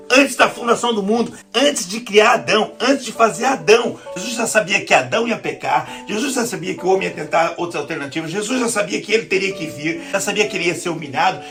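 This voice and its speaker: A woman with a Brazilian accent preaching a sermon, often calling her listeners "querido" and asking for amens. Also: mid-range voice. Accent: Brazilian Portuguese.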